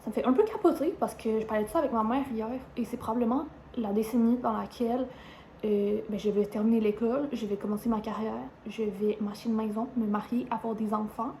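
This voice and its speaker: A young woman with a Quebec French accent talks casually to her camera, rambling and filling pauses with little hesitations. Her voice sits a bit high but sounds mellow and soft-edged. A faint hiss lies under the recording. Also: steady tone. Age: 20s. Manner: chatty, rambling, frequent "euh" and "genre" fillers. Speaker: vlogger, university student.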